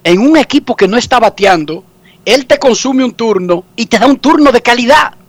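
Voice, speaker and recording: A man's voice: extremely high pitch, lively intonation, moderate pace, no room sound. A man with a Dominican accent hosting a sports radio show, joking and theatrical. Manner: joking, theatrical mock sobbing. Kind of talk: comic sports talk radio.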